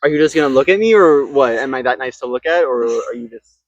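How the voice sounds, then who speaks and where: Young male co-host, deadpan teasing, mid-range voice, dry close sound, outdoors. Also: medium pitch, fast talker, no room sound, lo-fi sound. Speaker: podcast co-host. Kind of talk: casual chat. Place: outdoors in the woods. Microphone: handheld mic passed between speakers.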